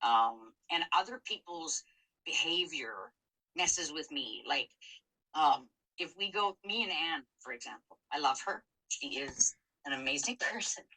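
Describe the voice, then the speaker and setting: A woman's voice: sits low, animated, a little slow, pushed and bright, breathy edge, low-quality recording. A middle-aged woman telling a personal story in a candid, emotional, casual chat. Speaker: co-host.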